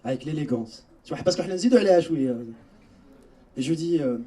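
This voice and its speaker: A young Algerian man tells stories in a chatty stand-up set on a theatre stage, talking straight to the audience. His voice sits fairly high, with a dark tone, and he delivers it animated and unhurried. The mic picks him up from a distance.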